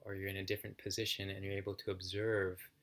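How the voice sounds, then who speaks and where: A man, a yoga teacher, reading a daily passage aloud and then reflecting on it in a calm, unhurried way. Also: low-pitched. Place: yoga center, indoors.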